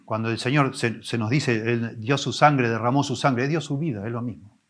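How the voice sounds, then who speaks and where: Male pastor, teaching sermon, swings between emphatic rises and quiet low drops, mid-pitched voice. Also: moderate pace. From Argentina. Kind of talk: expository sermon.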